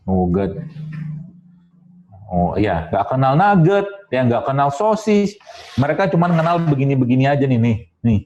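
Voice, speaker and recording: An Islamic health speaker with a fairly high, slightly mellow voice gives a casual, jokey health talk to an audience, using sound effects and quoted voices. The recording sounds dull and lo-fi.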